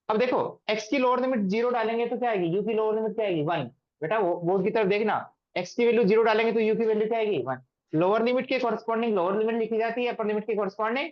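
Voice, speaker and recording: A man's voice: high voice, lo-fi sound. Man teaching a maths class. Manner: questioning, repeats questions to students. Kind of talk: classroom lecture.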